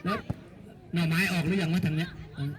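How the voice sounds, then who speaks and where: Guy calling a local football match outdoors, jokey asides, crowd loud behind him. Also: fairly high pitch, flat delivery, fast. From Thailand. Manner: joking, chatty asides to people nearby. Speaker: match commentator. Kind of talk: casual local football commentary.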